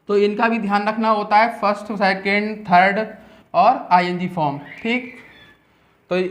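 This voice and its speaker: A man teaching an English grammar lesson in Hindi, explaining step by step and often checking in with a quick "ठीक है". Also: high-pitched.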